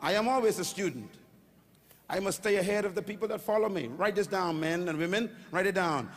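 An older Bahamian pastor delivers a brisk sermon from a big stage, holding a handheld mic. His high voice climbs to shouts as he draws call-and-response from the crowd, and the hall's long reverb trails every phrase.

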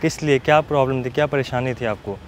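A man's voice: mid-range voice, fast talker, slight background noise. A man filming a street confrontation for his channel, begging others to listen and not hit anyone. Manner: pleading, repeatedly asks to be heard. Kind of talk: confrontation vlog. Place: outdoors on a city street.

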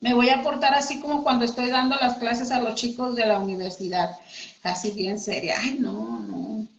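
A woman's voice: a little high, fairly even intonation, normal speed. A woman teaching a casual live craft class from home, chatting with her viewers as friends. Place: home room. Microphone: computer mic. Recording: echoey room, dull audio.

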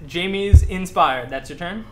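A man's voice: high-pitched, unhurried, fairly bright tone, slight background noise. A man narrating as game master, rambling with lots of fillers.

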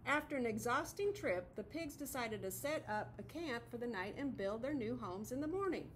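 A middle-aged woman teacher reads a picture book aloud to children in a classroom, full of expression. Her voice is fairly high and animated at a moderate pace, with a slight hiss or hum in the recording.

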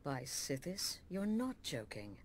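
A woman's voice: low voice, very animated, slow, exaggerated voice. An actress voicing a hard-edged female assassin guild leader in a video game, blunt and commanding with a wry edge. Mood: stern. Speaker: game character.

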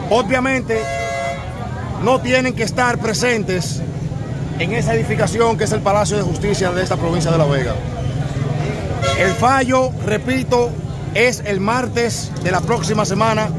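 A man with a Dominican accent reporting live outdoors on a city street, excitable and joking, whooping loudly between remarks. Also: sits high. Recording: crowd noise on a street.

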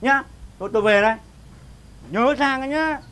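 A man's voice: very high voice, moderate pace, a bit bright, a little hiss or hum. A man acting in a rural comedy sketch, a pushy, boastful villager who stammers as he invites neighbours to his son's wedding.

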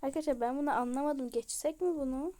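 High-voiced excitable woman gamer. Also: quick pace. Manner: excitable, gushing exclamations. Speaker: game vlogger. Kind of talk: casual gameplay commentary.

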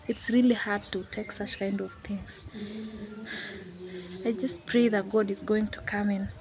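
A young Kenyan woman makes a selfie vlog in green countryside, phone at arm's length, speaking earnestly and repeating her pleas. Her mid-range voice is level and measured in pace. A crowd is audible in the background of the noisy outdoor phone recording.

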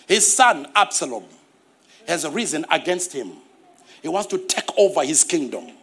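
A slightly high, husky voice, delivered a bit slowly, belongs to a middle-aged Zimbabwean pastor giving a sermon on a church stage. He stays animated throughout, echoing key phrases and prompting responses.

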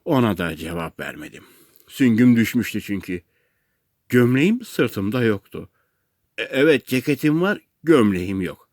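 A man's voice: on the low side, sing-song, measured pace, a little mellow, no echo, clean studio sound. Man reading a comic story expressively. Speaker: audiobook narrator.

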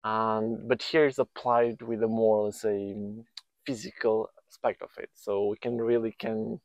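A man's voice: on the low side, little pitch movement, unhurried, a little mellow, dry recording. A man in his thirties, a volunteer builder, being interviewed outdoors on a countryside building site, speaking in a hesitant way and often restarting his sentences while he looks for words. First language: Portuguese. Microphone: lapel mic.

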